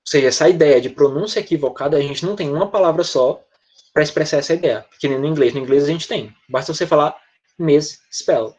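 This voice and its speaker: With a fairly high, slightly mellow voice and a quick pace, a male Brazilian English teacher explains words during an online lesson, frequently checking in using tags like "né?" and "tá?". His Brazilian Portuguese accent comes through the dull, lo-fi recording.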